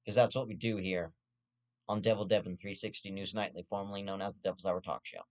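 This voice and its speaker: A man's voice: deep voice, fast talker, darkish tone. A young man hosting his own show, ranting in profane, rambling casual commentary with stammered restarts and half-joking asides.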